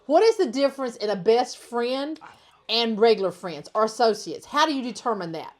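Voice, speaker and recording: Woman co-host, slightly high voice, throws out casual what-if questions. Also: lively intonation, normal speed, darkish tone. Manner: posing questions and hypotheticals. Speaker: podcast co-host. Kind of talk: casual chat.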